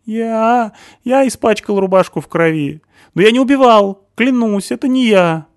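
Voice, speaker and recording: A man voicing a shrill, cowardly and panicky young man, stammering and hysterical, in an audiobook reading. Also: normal speed, a little mellow, close to an everyday voice. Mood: panicked. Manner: hysterical, high-pitched and stammering.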